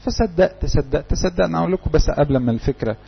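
Fast, husky Egyptian preacher man. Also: fairly high pitch, lo-fi sound. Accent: Egyptian Arabic. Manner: fires rhetorical questions at the audience. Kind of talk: interactive church talk.

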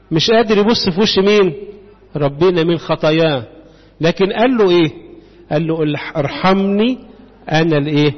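Man, Egyptian accent, sermon, prompting the congregation with questions, dull lo-fi sound. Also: fairly high pitch. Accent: Egyptian Arabic. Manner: call-and-response questioning of the congregation. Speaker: preacher. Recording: dull reverberant hall sound.

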